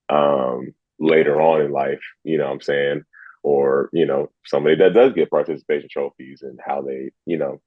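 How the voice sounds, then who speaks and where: A man's voice: extremely low pitch, husky, dry recording. A man talking casually as a podcast guest, rambling and filling his talk with "you know what I'm saying.". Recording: dull, dry lo-fi sound.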